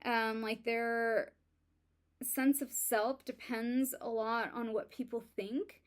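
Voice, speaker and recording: Slow, halting woman reading tarot. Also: a little high, fairly even intonation. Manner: halting, many ums and likes, self-admitted stuttering. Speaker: tarot reader. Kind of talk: casual tarot reading to viewers.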